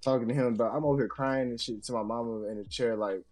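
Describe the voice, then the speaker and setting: A man's voice: medium pitch, fairly even intonation, quick pace, a little mellow, soft background music. A young adult man co-hosting a podcast, telling a story in a loose, slangy, profane way full of fillers. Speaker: podcast co-host. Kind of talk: casual storytelling chat.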